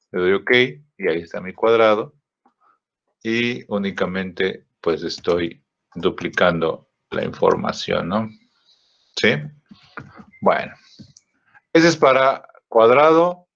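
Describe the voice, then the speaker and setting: Guy teaching a software class, low voice, slow and halting, dull muffled audio. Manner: slow, halting, many fillers and rhetorical checks. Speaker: design teacher. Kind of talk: software tutorial lesson.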